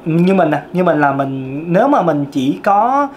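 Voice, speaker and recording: A man's voice: on the high side, big pitch swings, a little slow, slight background noise. Southern Vietnamese tenor man coaching singing. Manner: explanatory, emphatic, repeats key points. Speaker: vocal coach. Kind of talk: singing lesson.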